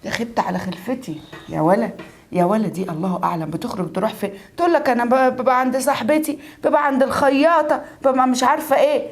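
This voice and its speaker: A woman's voice: fairly high pitch, fast talker, lightly acted. A woman with an Egyptian accent playing a suspicious, scheming mother-in-law who nags her son. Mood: nagging. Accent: Egyptian Arabic. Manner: nagging, needling, scolding.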